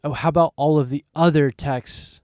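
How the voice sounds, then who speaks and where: A man's voice: fairly high pitch, fairly even intonation, normal speed, darkish tone, no room sound, studio quality. A man co-hosting a podcast in casual conversation, thinking aloud with restarts and little quoted asides. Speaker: podcast co-host.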